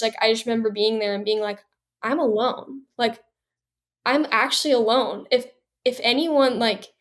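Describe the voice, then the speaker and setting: Bubbly young woman, slightly high voice. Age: young adult. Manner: bright and bubbly, chatty with many fillers. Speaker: guest. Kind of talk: casual interview storytelling.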